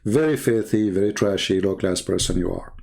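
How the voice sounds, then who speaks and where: A man's voice: brisk, creaky, darkish tone. Scornful man. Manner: mocking, scornful, swings between low mutters and high exclaims. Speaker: online debater. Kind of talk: heated ranting monologue.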